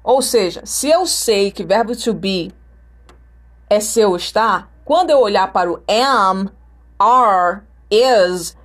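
Slow-paced Brazilian woman teaching English. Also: medium pitch. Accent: Brazilian Portuguese. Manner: repeats example phrases to model intonation. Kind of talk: recorded language lesson.

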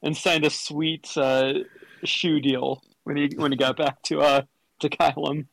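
A man in casual podcast chat who speaks haltingly, often restarting his sentences. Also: a little high, little pitch movement, gravelly, a bit bright, poor audio.

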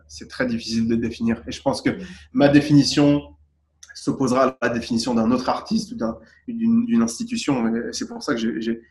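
Man from Tunisia, interview guest, thoughtful and measured, average pitch, roomy recording. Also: a little mellow. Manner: thoughtful, searching for words. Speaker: guest artist. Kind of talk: interview answers. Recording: roomy echo.

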